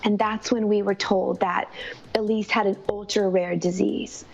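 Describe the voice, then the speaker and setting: With a gravelly, medium-pitched voice, a woman recounts her daughter's illness as a mother's personal faith story. Her tone is steady and her pace measured, earnest yet conversational, on a slightly dull, lo-fi recording.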